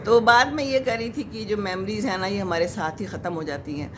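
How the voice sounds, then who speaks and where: A woman's voice: medium pitch, noisy background. Chatty woman in her sixties. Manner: chatty and rambling, with many fillers. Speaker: vlogger. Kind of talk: casual chat to live viewers.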